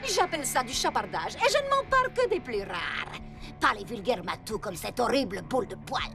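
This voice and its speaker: A woman's voice: a little high, big pitch swings, fairly quick, gravelly. A woman voicing a scheming female cat-thief villain in a dubbed cartoon, gloating and theatrical. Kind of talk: French cartoon dubbing. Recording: cartoon soundtrack with loud music.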